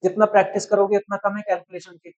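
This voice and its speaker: A man's voice: sits high, little pitch movement, quick pace, darkish tone, muffled recording. A young man teaching chemistry, working through a calculation step by step and often checking that students are following. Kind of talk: chalkboard-style math walkthrough.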